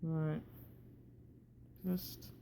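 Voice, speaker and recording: Low-voiced woman talking through a wired jaw. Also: flat delivery, mellow, a little hiss or hum. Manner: muffled talk through a wired-shut jaw, teeth held together; halting, effortful. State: tired, sore with swollen cheek. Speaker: patient recovering from jaw surgery. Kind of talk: casual video diary.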